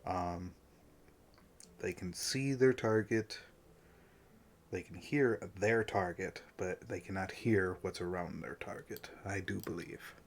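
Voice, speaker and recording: A man runs a tabletop game as its game master, his voice sitting a little low. He talks haltingly, filling gaps with ums and stopping to clear his throat. His voice is wearing thin, as if he is losing it.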